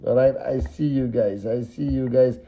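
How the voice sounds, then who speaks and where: A man's voice: medium pitch, fairly even intonation, warm tone, poor audio. A man hosting a casual live stream, cheerfully greeting viewers by name one after another. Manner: upbeat, reels off viewer names with quick greetings. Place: indoors, just back from a dinner.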